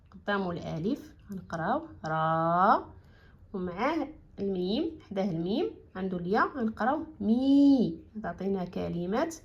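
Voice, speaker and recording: A woman with a Moroccan Arabic accent, teaching a children's reading lesson and stretching each word out slowly before explaining quickly. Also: medium pitch, breathy edge, lo-fi sound. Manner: slow, drawn-out syllables when modelling words, quicker when explaining.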